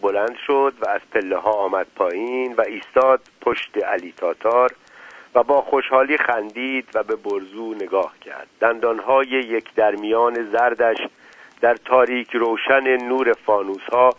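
A man narrating a novel as an audiobook reader, telling the story in a measured way. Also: medium pitch, highs cut off. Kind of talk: narrating a novel, voicing the characters.

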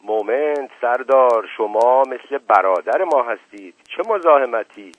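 A man voicing a sly, charming middle-aged nobleman who talks smoothly and persuasively, on a dull lo-fi radio recording. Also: mid-range voice, animated, no echo, close to an everyday voice. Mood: coaxing.

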